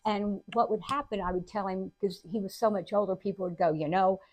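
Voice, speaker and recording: A woman's voice: medium pitch, steady tone, fairly quick, faint music behind. A woman vlogging, telling family stories to camera in a chatty, earnest way and laughing often. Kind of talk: casual storytelling to camera.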